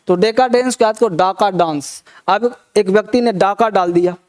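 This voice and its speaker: High-voiced man drilling vocabulary tricks. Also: normal speed, a little mellow. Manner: repetitive rhythmic drilling of word tricks; leads class in call-and-response. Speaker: teacher. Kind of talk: classroom vocabulary lesson.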